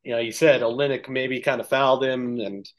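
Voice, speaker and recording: This man speaks at a medium pitch and a brisk clip as host of a laid-back sports podcast. His game recap is loose and full of filler and ums, and his voice sounds a bit tired, as if he's slightly losing it.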